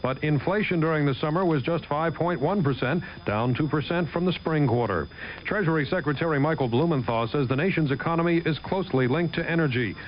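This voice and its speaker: A man's voice: fairly high pitch, brisk, lo-fi sound, a little hiss or hum. A man with an American accent reading scripted 1970s network radio news. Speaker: radio newscaster.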